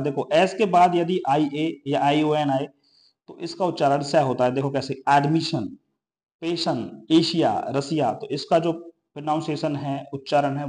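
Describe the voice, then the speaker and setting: A man's voice: fairly high pitch, dark tone. A man teaching an English pronunciation lesson, explaining each rule and then listing example words one by one.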